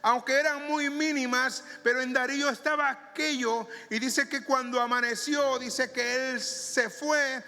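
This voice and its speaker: High-voiced preacher in a ringing church. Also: male voice, steady tone, creaky, pushed and bright. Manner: slow, emphatic preaching with drawn-out phrases. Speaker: pastor. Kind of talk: sermon. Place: church sanctuary. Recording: reverberant church hall with music behind.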